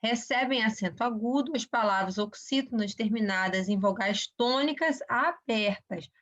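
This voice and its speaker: A woman's voice: a little high, moderate pace, a bit bright. A woman teacher giving a recorded grammar lesson, explaining step by step and often checking in with short questions. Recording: dull lo-fi recording.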